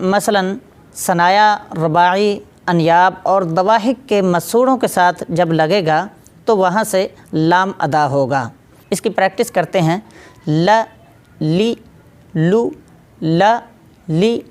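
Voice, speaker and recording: A woman's voice: on the low side, darkish tone. A woman teaching Quran recitation, patiently explaining step by step and drilling syllables aloud. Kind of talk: tajweed pronunciation lesson.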